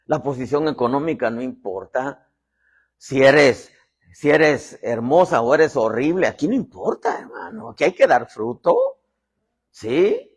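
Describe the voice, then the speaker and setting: A man's voice: medium pitch, animated, measured pace, husky. A middle-aged man preaching a sermon in a folksy way, joking and having the congregation repeat phrases. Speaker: apostle preaching.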